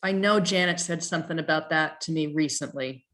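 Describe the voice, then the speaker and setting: A woman with a notably low voice works through planning regulations in a meeting, reading clauses aloud and stopping to puzzle over them. She hesitates, restarts and fills pauses, and comes through a video call. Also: fairly bright tone. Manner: thoughtful and hesitant, many fillers and restarts. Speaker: town planning staff leading a commission review.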